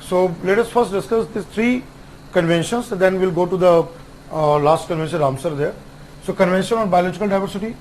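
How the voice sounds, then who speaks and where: A man teaching an online exam-prep lecture, repeating key terms and spelling out acronyms slowly. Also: sits high, darkish tone, a little hiss or hum, rough recording. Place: classroom with whiteboard.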